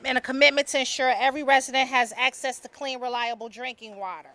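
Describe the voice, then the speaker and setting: A county commissioner addresses an outdoor ribbon-cutting crowd from a podium microphone. She speaks formally and projects with emphasis. Her voice sits high and sounds bright and sharp. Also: no room sound. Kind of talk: formal ceremony speech.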